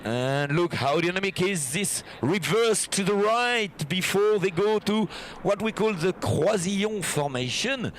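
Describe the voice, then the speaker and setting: A French-accented man works as an airshow commentator, his high voice swinging widely as he explains and admires the display. His delivery is showy and explanatory, with faint ambient noise behind him. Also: animated, a little slow. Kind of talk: live airshow commentary over a public address, explaining formations.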